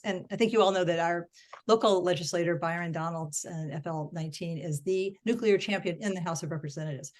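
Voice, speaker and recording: Sixties woman host on a video call, chatty, lots of ums, lowish voice. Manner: chatty, with frequent um fillers. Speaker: meeting host. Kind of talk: casual meeting introduction. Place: home office.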